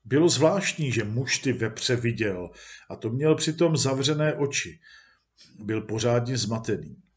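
A man narrating a storybook in a measured, expressive way. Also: mid-range voice. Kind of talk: storybook reading.

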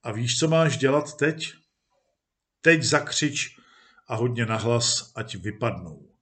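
A man voicing a calm, kindly teacher who gently encourages and reassures. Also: mid-range voice, close to an everyday voice.

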